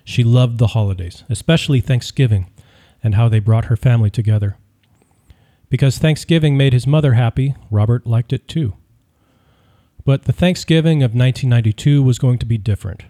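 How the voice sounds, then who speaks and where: Man narrating, audiobook, very dark voice, measured, even. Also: mid-range voice. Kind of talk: scripted narration.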